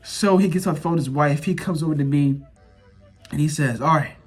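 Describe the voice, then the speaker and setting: Husky man telling a story. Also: a little high, brisk, faint music behind. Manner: animated, repetitive, laughing storyteller. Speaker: vlogger. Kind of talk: casual storytime.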